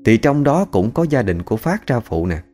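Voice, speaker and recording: A man's voice: medium pitch, very animated, moderate pace, a little mellow. A man narrating a ghost story in a colloquial, chatty way.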